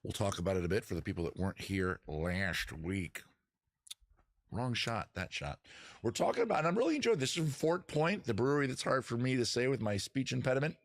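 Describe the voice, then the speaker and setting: Talking a little fast in an expressive mid-range voice, a man rambles to his livestream audience during his music and chat show, set in his backyard at home. He's self-deprecating and profane, with bits of improvised singing. The recording is dry.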